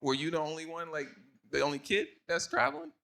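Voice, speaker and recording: Bright-voiced man hosting onstage. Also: on the high side, big pitch swings, quick pace, gravelly. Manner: hyped, addresses crowd as y'all. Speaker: interview host. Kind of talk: casual onstage interview. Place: stage before a live audience.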